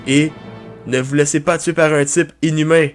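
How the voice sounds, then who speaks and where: Man doing a small reindeer doctor, raised high voice, earnest, rallying, faint music behind. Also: fairly even intonation, normal speed, lightly acted. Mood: resolute.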